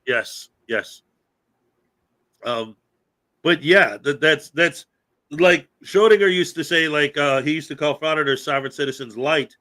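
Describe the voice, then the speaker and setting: A man's voice: fairly high pitch, a little slow, sharp tone. A man hosting a podcast in casual chat, rambling with lots of fillers and frequent laughter. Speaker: podcast host.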